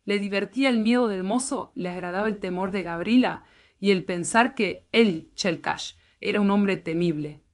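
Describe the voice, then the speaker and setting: Brief: woman narrator, calm sleep-story reading, middle pitch, soothing. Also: normal speed. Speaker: audiobook narrator.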